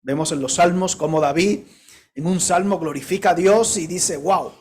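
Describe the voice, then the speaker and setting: A man's voice: sits high, normal speed, a little mellow, husky. A male pastor preaching a sermon, emphatic, warning his listeners directly and asking them rhetorical questions.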